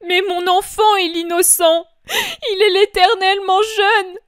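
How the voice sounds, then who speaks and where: A woman's voice: extremely high pitch, steady tone, a little slow, a bit bright, no room sound, clean studio sound, voice pushed up. A woman voicing the grieving mother of Jesus, imploring and sobbing in a breaking voice, in a dramatic religious reading. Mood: pleading.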